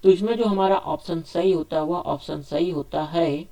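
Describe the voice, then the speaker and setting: A man's voice: fairly high pitch, moderate pace, dark tone. Man teaching an exam quiz. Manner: reads each question, then asks and answers it himself; repetitive, restates options several times. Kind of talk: spoken exam quiz lesson.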